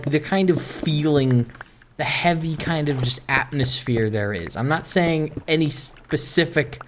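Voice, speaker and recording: Rambling casually, this medium-pitched gaming host rants about himself in a self-deprecating way, drifting from idea to idea. Slight background noise can be heard.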